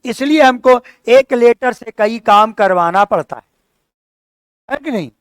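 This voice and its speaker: High-voiced man teaching a class. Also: animated, a little slow, smooth, dry recording. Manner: explanatory, asks students questions. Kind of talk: classroom lecture.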